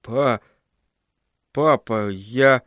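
A man's voice: medium pitch, very slow, fairly bright tone, dry recording, clean studio sound. A man voicing a frightened young man of twenty who speaks timidly and falters.

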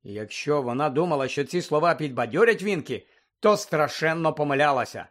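A man narrating a children's fantasy novel as an audiobook, in a steady storytelling delivery. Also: a little high, fairly quick. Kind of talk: scripted narration.

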